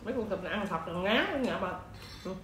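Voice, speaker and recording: A woman's voice: mid-range voice, fast talker. A woman, chatting casually in an eating vlog while chewing shrimp. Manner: chatty, talks between bites. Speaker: mukbang vlogger. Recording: echoey room with clear background noise.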